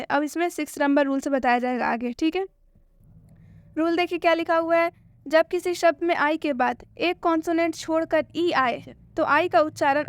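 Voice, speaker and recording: A woman gives a spoken English lesson. She asks questions and answers them herself, and she repeats each point slowly. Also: high voice, no room sound. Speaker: English teacher.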